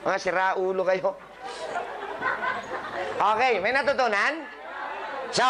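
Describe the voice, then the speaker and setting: A man's voice: extremely high pitch, noisy background. A man, a doctor, giving a live talk to patients, scolding them with humor and quizzing the audience. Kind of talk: live motivational health talk.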